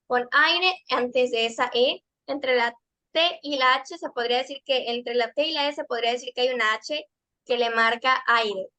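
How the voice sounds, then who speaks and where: A woman teaching a pronunciation lesson to kids and teens, her voice high and notably bright. She explains patiently, step by step, and repeats each model word several times. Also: moderate pace. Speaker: English teacher.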